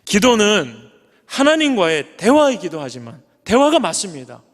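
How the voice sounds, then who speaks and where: A man preaching a sermon as a pastor, earnest and personal, building up to high emphatic peaks. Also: huge pitch swings, normal speed. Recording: long church reverb.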